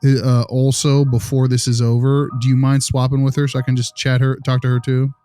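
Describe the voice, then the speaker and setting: A man plays a friendly, attentive consultant interviewing school staff in naturalistic acted dialogue, asking questions politely and affirmingly. His natural, medium-pitched voice is monotone, brisk and mellow with a clean tone, over soft background music.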